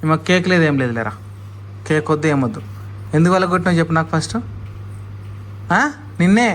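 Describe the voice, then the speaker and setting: A man's voice: on the high side, fast, a bit bright. A father, chatting at home with his toddler, coaxing and scolding by turns and repeating words for her. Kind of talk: casual family chat with a toddler.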